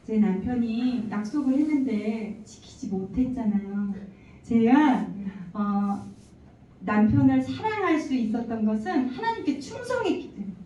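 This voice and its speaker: A woman in her forties tells her testimony to a church congregation, earnest and vivid as she plays out conversations. Her voice sits fairly high but sounds mellow. The recording is dull and lo-fi, taken from a distance in a reverberant hall. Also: animated, a little slow. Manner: earnest storytelling, acting out dialogue. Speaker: church member giving testimony.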